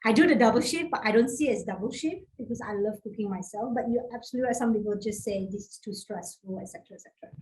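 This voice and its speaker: A middle-aged woman moderates an online panel, her voice sitting a little high. She speaks briskly and hands the floor to each speaker by name. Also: poor audio.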